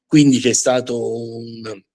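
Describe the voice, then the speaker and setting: A man hosting a live history show in unscripted talk, often pausing and repeating words as he searches for the right phrasing. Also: mid-range voice, steady tone, warm tone.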